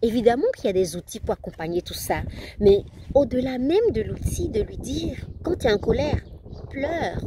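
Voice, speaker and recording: A woman's voice: fairly high pitch, normal speed, background noise. A woman in her thirties, a parenting coach, talking casually and animatedly to the camera. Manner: animated, acts out her children's voices.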